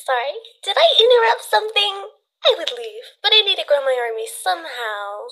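A woman's voice: very high voice, very animated, fairly quick, bright, forceful tone, pitched above the performer's own voice, heavily acted. A woman voicing a smug, mocking young female villain in a fan story reading. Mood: gloating. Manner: mocking, giggly, hissing.

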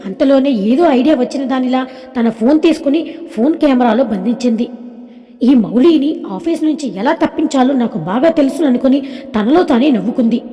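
A woman's voice: sits high, mellow, long reverb tail. A woman narrating a serialized drama story in a scripted reading.

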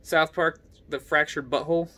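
A young man casually running through his video game collection, giving quick offhand comments on each title. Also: on the high side, fairly even intonation, bright, forceful tone, slight background noise. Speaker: gaming YouTuber.

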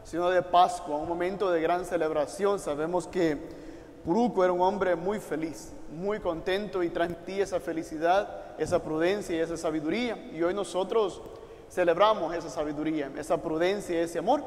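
Male priest, Puerto Rican Spanish accent, leading mass in a gently pastoral way, echoing through a church. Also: sits high, steady tone, normal speed. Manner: warm pastoral, direct appeals to listeners at home. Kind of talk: liturgical address to an online congregation. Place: church altar. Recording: long church reverb.

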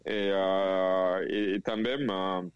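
French guy speaking portuguese, slow and hesitant, dry dull lo-fi sound. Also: sits low, steady tone, smooth, dry recording. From France. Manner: hesitant, many fillers. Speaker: guest, company CEO. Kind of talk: interview answers in Portuguese.

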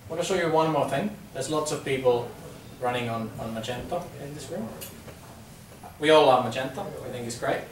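Speaking a little fast at medium pitch, this presenter is a man in his thirties from Finland with a Finnish accent, delivering a casual business talk to a conference-room audience. He's chatty, full of ums and repeated words. There's no mic, only a distant camera, leaving an echoey sound and a faint hum.

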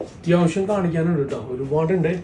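A man with a Kerala accent giving a repetitive sales pitch as a shop presenter, mixing many English words into his Malayalam. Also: quick pace, mellow. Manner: repetitive, salesy patter with frequent tag words. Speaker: shop presenter selling women's outfits. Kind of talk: sales pitch showing products. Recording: roomy, distant mic, faint background noise.

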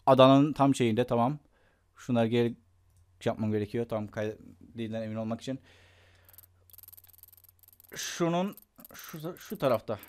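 A man doing jokey let's play commentary, pretending to be scared and swinging between hushed muttering and shrieks, with a Turkish accent. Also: mid-range voice, smooth. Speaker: gaming YouTuber.

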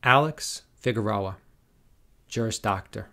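Slow, measured man reading names. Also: lowish voice, vocal fry, bright, forceful tone. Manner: slow, measured, deliberate announcing. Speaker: commencement name reader. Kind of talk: formal reading of graduate names.

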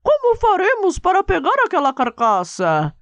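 A woman's voice: extremely high pitch, wildly swooping pitch, moderate pace, dry recording, faint music behind, pitched above the performer's own voice, heavily acted. A woman voicing a hungry, eager storybook dog in a playful kindergarten teacher manner. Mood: eager scheming. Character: hungry, eager storybook dogs with a simple scheme.

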